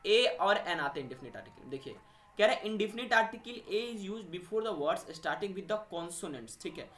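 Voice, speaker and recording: A man teaches an exam-prep grammar lesson, asking questions and answering them himself. His voice is bright and sharp. The room around him is echoey. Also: sits high, expressive, unhurried. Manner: addresses students as friends and little brothers, asks and answers own questions. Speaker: English teacher.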